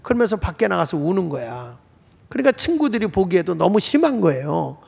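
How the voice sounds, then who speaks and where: A man's voice: sits high, very animated, a little fast, creaky, a little mellow, slightly rough. A male pastor preaching a sermon in a storytelling style, with rhetorical questions to the congregation. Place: church sanctuary. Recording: reverberant church hall.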